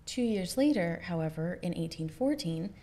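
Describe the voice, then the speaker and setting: A young woman co-hosts a casual history podcast, her voice mellow and pitched a little low. She talks in a chatty, loose way, with quick asides and frequent laughter. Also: expressive. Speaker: podcast co-host.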